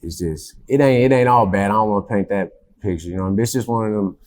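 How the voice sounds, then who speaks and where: A man's voice: on the low side, fast talker, a little mellow. A young man from Indiana, a rapper, talking casually in an interview with a laid-back, rambling manner and lots of fillers. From Indiana, USA. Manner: laid-back, repeats words, many fillers.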